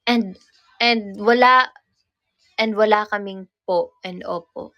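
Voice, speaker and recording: Faint music plays behind this livestream host, a young woman from Cebu, Philippines with a Cebuano accent. Her mid-range voice is pushed and bright, and she takes it slowly, patiently explaining Bisaya words and frequently repeating or correcting herself, all picked up by a phone or camera mic.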